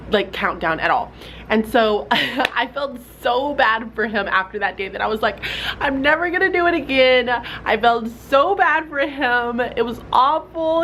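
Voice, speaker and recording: A young fourth grade teacher vlogs casually from her classroom, sounding slightly stuffy from a cold. Her fairly high, bright voice comes through a rough recording with light background noise, and she chats along with plenty of fillers.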